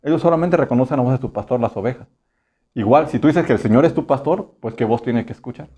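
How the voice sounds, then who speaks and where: A man with a Mexican Spanish accent preaching a casual, conversational sermon. He keeps asking the congregation rhetorical questions and slips into quick acted voices. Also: mid-range voice, dark tone, breathy edge. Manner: acts out short voices for humor.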